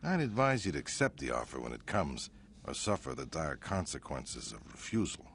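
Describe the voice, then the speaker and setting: A smug crime boss, with a very deep voice that swoops widely as he boasts and threatens. His grand, drawn-out delivery sits over faint game ambience. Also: big pitch swings, vocal fry, a bit bright, a little hiss or hum, exaggerated voice. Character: smooth, self-satisfied male crime boss.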